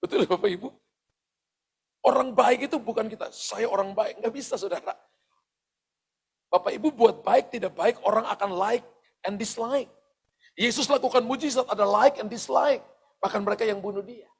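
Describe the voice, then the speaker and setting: A man's voice: sits high, normal speed, vocal fry, pauses often, breathy edge. A male pastor giving a sermon, speaking straight to his congregation with asides and the odd chuckle. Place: church service.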